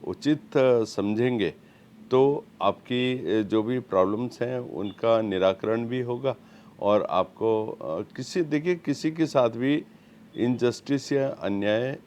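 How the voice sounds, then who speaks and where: Slow deep-ish guy on a news panel, lots of umms and pauses, faint hum behind. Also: darkish tone. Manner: slow, hesitant, many fillers. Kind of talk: panel debate statement.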